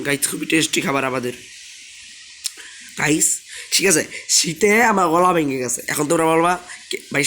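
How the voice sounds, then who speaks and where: A young man, hoarse from a sore throat, chatting casually as he plays a game and keeps asking viewers to subscribe. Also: a little high, fairly bright tone, a little hiss or hum. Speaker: gaming channel host. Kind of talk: casual gameplay commentary.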